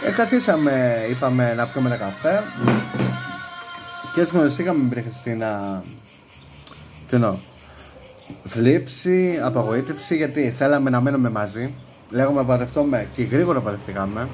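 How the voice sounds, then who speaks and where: Animated man with lively pitch swings. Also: pauses often, rough recording. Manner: animated, acts out quoted dialogue in raised voices. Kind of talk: rambling emotional monologue. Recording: music playing behind the voice.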